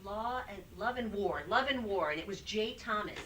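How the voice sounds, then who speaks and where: A woman's voice: mid-range voice, moderate pace, recorded from a distance, a little hiss or hum, poor audio. A woman voice-over artist, a guest on a talk show, chatting casually and acting out the quotes in her stories. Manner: animated storyteller, acts out quotes. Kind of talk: casual interview chat.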